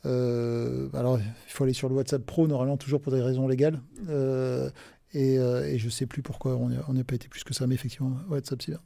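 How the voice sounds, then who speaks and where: A middle-aged man talks as a guest on a podcast, casual and informal, stopping often with fillers and restarts. His voice is gravelly and mellow, and the recording is dry and close. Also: medium pitch, level tone, fast talker, no room sound. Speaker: podcast guest, recruitment firm director.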